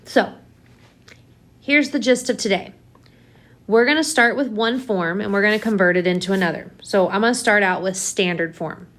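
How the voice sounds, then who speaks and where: A woman's voice: mid-range voice, a bit bright. A woman math teacher giving a recorded lesson, tired and yawning, speaking frankly and repeating key points. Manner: frank, repeats herself for emphasis.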